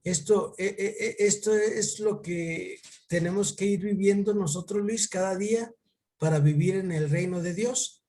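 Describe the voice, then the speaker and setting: A man giving an informal one-on-one Bible lesson over a video call, pausing and repeating words as he thinks and often calling his student by name. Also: high voice, warm tone. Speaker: Bible teacher.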